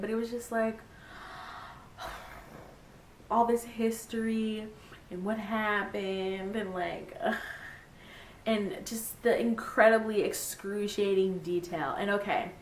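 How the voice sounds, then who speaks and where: A young woman talking casually about a book she read, gushing and animated, full of "like" and fillers. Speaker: book vlogger. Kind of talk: casual book review chat. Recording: echoey room, faint rumble.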